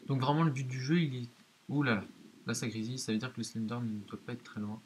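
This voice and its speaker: A man's voice: mid-range voice, fast, darkish tone. A man giving hesitant, explanatory let's-play commentary of a horror game, talking directly to his viewers. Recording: hissy home recording.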